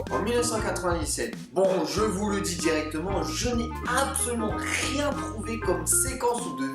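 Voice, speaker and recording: A woman in her twenties hosting a video with chatty narration and playful, theatrical asides. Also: mid-range voice. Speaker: video host. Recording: roomy, distant mic, loud music. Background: loud music.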